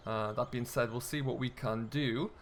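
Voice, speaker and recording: A mid-pitched male gaming host chats loosely, role-play style, narrating what he's doing at the wheel. His intonation stays fairly even at a moderate pace, with faint vehicle noise and ambience in the background.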